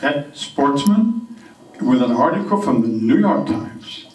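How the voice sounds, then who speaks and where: A man playing a boastful backwoods moose caller with a French-Canadian accent and halting, simple broken English, telling comic tall tales. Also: mid-range voice, big pitch swings, a little mellow. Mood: boastful, storytelling. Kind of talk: comic character monologue on stage. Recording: echoey room, distant microphone.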